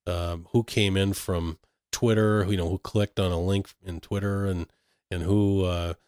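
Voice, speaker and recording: A man chats through tech news as a podcast host, full of fillers and restarts. His voice sits very low. The sound is dry and close. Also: steady tone, unhurried, darkish tone, clean tone, dry recording. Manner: chatty, many fillers and restarts. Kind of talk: casual tech chat.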